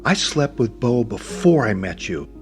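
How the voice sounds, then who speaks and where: A man's voice: medium pitch, very animated, unhurried, faint music behind, pitched above the performer's own voice. A man reading an audiobook, voicing a tearful, anxious young woman who pleads emotionally. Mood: pleading.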